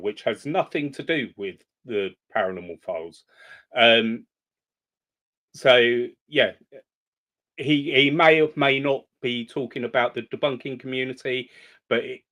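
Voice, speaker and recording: A man's voice: medium pitch, a bit bright. Hesitant man giving video commentary. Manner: measured, hesitant, frequent ums. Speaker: reaction video host.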